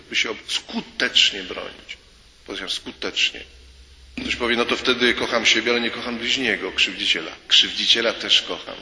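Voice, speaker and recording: A man's voice: medium pitch, sharp tone, slight background noise. A male preacher delivering a sermon, emphatic, repeating key phrases and acting out little quoted dialogues. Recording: roomy with long reverb.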